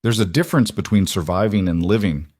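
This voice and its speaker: A worn-out single mother, blunt but tender, speaking softly and plainly, as a male narrator lends her a slightly raised voice. The sound is close and dry, with no room around it. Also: deep voice, expressive, brisk, no echo. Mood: gentle.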